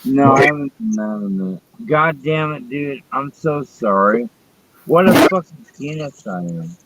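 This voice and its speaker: Man guesting on a live stream: excitable, foul-mouthed rant, pitch swinging up and down. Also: normal speed, very noisy. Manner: profane, agitated rambling. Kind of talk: casual live-stream chat.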